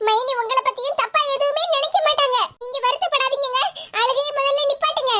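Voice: very high-pitched, fairly even intonation, quick pace, heavy background noise. A voice actor playing a worried middle-aged cartoon wife and mother in Kanyakumari Tamil, who coaxes and frets aloud. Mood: pleading. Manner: coaxing, repeats pleas, frets aloud to herself. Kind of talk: cartoon comedy voice acting.

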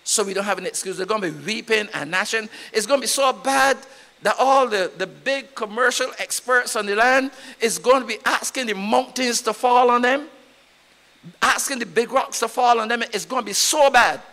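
A Barbadian man preaching in a church with a very high, bright voice. He presses his points hard and repeats them, swelling louder as he drives them home. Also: normal speed. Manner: emphatic preaching with repetition and rising volume. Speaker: pastor. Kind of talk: sermon.

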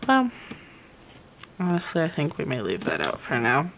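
A woman's voice: low-pitched, huge pitch swings, moderate pace, fairly bright tone, slight background noise. A young woman gushing over her planner supplies in a casual vlog. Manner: chatty, gushing, says "y'all". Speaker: planner vlogger. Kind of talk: casual show-and-tell vlog.

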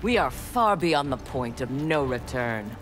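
Voicing an armored, stern clan warrior woman for a fighting game's intro banter, the actress uses a very deep, full character voice that is very animated and unhurried. She speaks coldly, in a clipped and menacing way, over game audio with background music.

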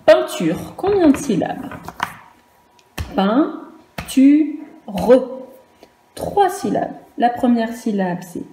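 A woman teaching a virtual class to young children, patiently spelling words out letter by letter in a slow, clearly articulated lesson. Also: mid-range voice, mellow. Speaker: primary school teacher. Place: room at home for a virtual class. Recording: echoey room with faint background noise.

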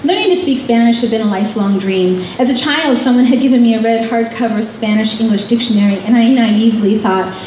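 This Californian author and musician, middle-aged, reads her memoir aloud from a script at a club, speaking a little fast with few pauses. Her voice is fairly high and a little mellow. A distant camera captures her stand mic through the PA, giving a roomy sound with faint room noise and ambience.

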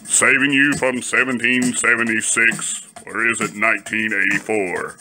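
A man with a very deep voice giving a mock radio show introduction in a slow, exaggerated announcer delivery. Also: level tone, poor audio. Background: music.

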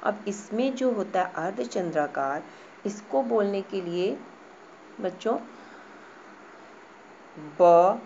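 A woman teaches young children, going slowly and patiently, repeating each word and spelling it out. Her voice sits at an ordinary middle pitch. The recording is a little dull and lo-fi, with a faint hiss underneath. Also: animated, darkish tone. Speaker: school teacher. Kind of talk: online class lesson.

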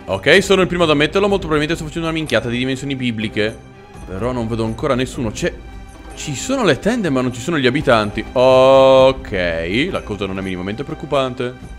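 Excitable guy doing let's play commentary, voice kinda high and jumping all over, swears a lot, mock polite to the npcs, some music underneath. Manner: excitable, swearing, shouting in sudden frights; mock-polite formal address to game characters. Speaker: gameplay commentator.

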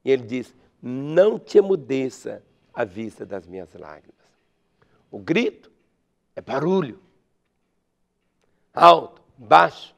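A man preaching a radio sermon, swinging between loud fervent pleading and hushed, almost whispered lines. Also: medium pitch, sing-song, takes it slowly, creaky, pauses often. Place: radio studio.

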